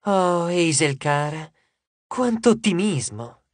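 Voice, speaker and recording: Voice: medium pitch, big pitch swings, moderate pace, slightly rough, no echo. An audiobook narrator voicing a vain, glamorous goddess of love who talks in a gushing, condescending and theatrical way. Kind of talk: audiobook character voice.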